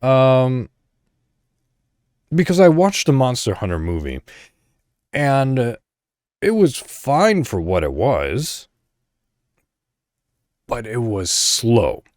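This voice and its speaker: His mid-range voice swings hugely in pitch, with a darkish tone, a slow pace, and frequent pauses. He is a solo podcast host giving casual commentary full of asides and partial article readings, recorded cleanly in a studio without echo.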